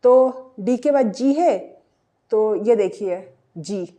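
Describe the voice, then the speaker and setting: A woman's voice: a little high, slow pace, warm tone. A woman teaching English pronunciation, spelling words out letter by letter and asking and answering her own questions. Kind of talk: explaining pronunciation rules.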